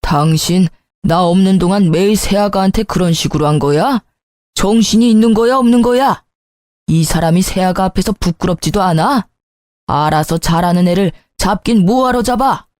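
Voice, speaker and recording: A woman voicing a stern, gruff older father-in-law who rebukes his wife, in an acted story. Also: mid-range voice, moderate pace, a little mellow, dry recording, clean studio sound, natural voice. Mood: rebuking. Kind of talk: storytelling voice acting.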